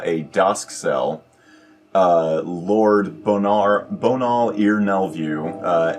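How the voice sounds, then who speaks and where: Low voiced guy at the table, super slow, lots of uh pauses, music going behind. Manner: halting, many pauses and fillers. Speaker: player. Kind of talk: recapping a tabletop game.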